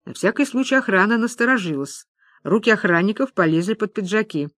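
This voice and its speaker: A woman's voice: mid-range voice, fairly quick, dry recording, clean studio sound. Woman reading a story aloud. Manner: expressive storytelling, voices the characters. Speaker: narrator. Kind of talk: audiobook reading.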